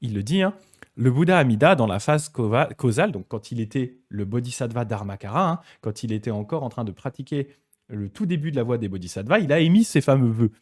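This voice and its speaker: Male Buddhist teacher on a live stream, mid-pitched, relaxed and chatty, hesitates often, reads texts slowly. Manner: reads passages aloud slowly, then comments. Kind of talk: casual live-streamed study session.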